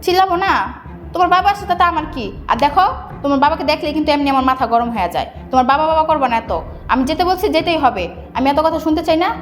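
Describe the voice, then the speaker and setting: A woman's voice: high-pitched, expressive, soft background music. A woman playing a scornful, scolding wife. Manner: scolding, rapid, demanding. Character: sharp-tongued young wife, impatient and scornful. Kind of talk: scripted family drama.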